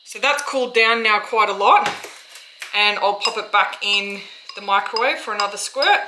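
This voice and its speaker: A medium-pitched Australian woman, probably in her thirties, demonstrates a craft in an informal how-to vlog, chatting and musing aloud as she goes. As a vlogger and small soap-business owner, she works from a little indoor workshop at home. Clear background noise and the clanking of pots and dishes come through.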